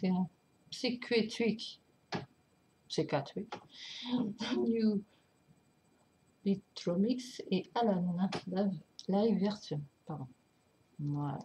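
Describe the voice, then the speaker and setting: A woman showing her record collection in a casual vlog, hesitant with many fillers and apologies, excited and laughing often, drifting nearer and farther from the camera mic. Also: mid-range voice, slow, long pauses, slight background noise.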